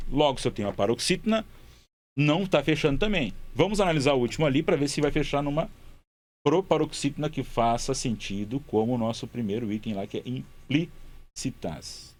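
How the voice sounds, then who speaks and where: Male teacher, patient board walkthrough, repeats key words, checks in often. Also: mid-range voice. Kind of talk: explaining grammar exercises at a board.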